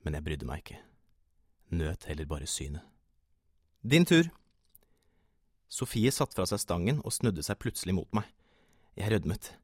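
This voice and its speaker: A man narrating a first-person erotic story in a calm, measured way. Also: sits low, dry recording, clean studio sound.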